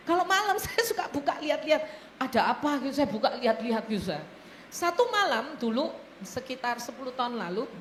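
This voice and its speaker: Animated woman pastor preaching in an echoey hall. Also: fairly high pitch. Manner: animated, laughs often, addresses listeners as "Saudara". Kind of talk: sermon with storytelling. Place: church hall. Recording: echoey church hall, faint noise.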